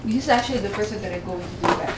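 A woman chatting casually and giggling lightly off camera. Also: medium pitch. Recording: echoey room, clear background noise.

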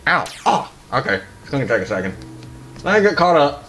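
A man in his thirties giving casual, halting commentary as host of a gaming challenge video, with exclamations and muttered asides. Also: on the high side, big pitch swings, a bit bright. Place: small room indoors. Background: music.

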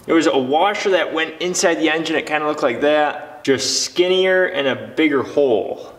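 This twenty-something man, whose voice sits a little high, speaks at a moderate pace while vlogging from his garage workshop. He's upbeat and jokey with a motivational streak, talking into a handheld camera held close and moving.

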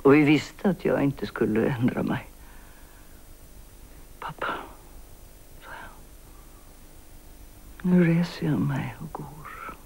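An actress in her sixties playing a guilt-ridden older woman writer who makes a hushed, halting, often whispered confession in a TV drama. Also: deep voice, creaky, slightly rough, heavily acted. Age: 60s. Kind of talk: 1990s Swedish TV drama acting.

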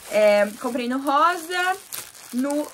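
A woman's voice: high voice, animated, takes it slowly, fairly bright tone, a little hiss or hum. A young Brazilian woman, shivering from the cold, gushing over clothes in a casual haul vlog and repeating words for emphasis. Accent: Brazilian Portuguese. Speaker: fashion vlogger.

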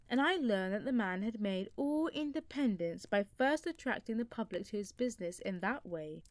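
A woman reading a classic nonfiction book aloud as an audiobook narrator, in a steady, measured way. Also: mid-range voice, no echo.

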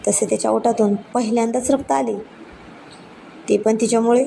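Woman storyteller, romantic narration, unhurried, fairly high voice, mellow tone. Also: fairly even intonation, creaky, slight background noise, rough recording. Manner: unhurried, with frequent restarts.

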